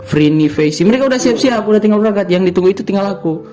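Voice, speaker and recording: A man's voice: sits high, lively intonation, rapid-fire, warm tone. A young man with a Manado Malay accent, a guest telling his personal story in an interview. He talks in a storytelling way, acting out quoted dialogue, with frequent restarts. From North Sulawesi, Indonesia. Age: young adult. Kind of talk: personal testimony in conversation.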